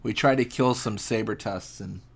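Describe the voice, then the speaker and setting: A man's voice: fairly low pitch, moderate pace, vocal fry, husky. A young man casually chatting and reacting while streaming a fishing game, laid-back and rambling as he answers chat.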